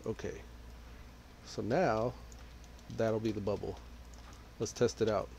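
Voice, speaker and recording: Man streaming a game, unhurried low voice, faint hiss and keyboard clicks behind. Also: gravelly. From Texas. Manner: relaxed, reads chat aloud while playing. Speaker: gaming streamer. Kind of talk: casual live-stream commentary.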